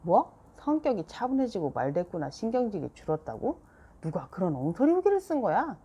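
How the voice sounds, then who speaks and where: A woman reading a children's book aloud and voicing a quick-tempered mother who scolds in a sharp, loud voice. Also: mid-range voice, big pitch swings, husky. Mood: scolding.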